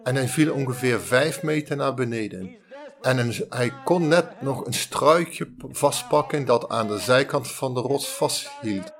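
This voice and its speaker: Slow, deliberate male preacher. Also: mid-range voice, animated. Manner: slow, deliberate, halting with restarts. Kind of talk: sermon with storytelling.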